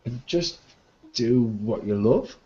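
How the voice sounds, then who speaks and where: A man's voice: medium pitch, lively intonation, slow, mellow. A man cutting in bluntly and swearing during a casual group discussion. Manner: brash interjecting, swears, laughs along. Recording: dull lo-fi recording.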